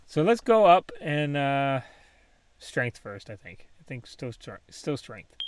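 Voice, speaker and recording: A gaming channel host with a medium-pitched voice casually commentates his own gameplay, thinking aloud with many ums and small laughs. He has the hiccups, and there's a slight hiss or hum.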